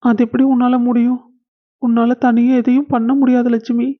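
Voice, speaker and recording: A touchy husband who scolds and sulks, as the performer puts him on, with a Kongu Tamil accent. His voice stays flat. The recording sounds dull and lo-fi. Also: very high voice, moderate pace. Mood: sulky. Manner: scolding, sulky. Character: touchy grown husband and brother.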